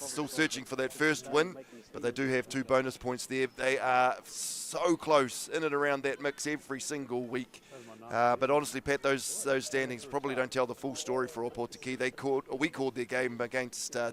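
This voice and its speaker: Male rugby co-commentator, New Zealand accent, medium pitch, conversational live broadcast style. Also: level tone, fairly quick, fairly bright tone.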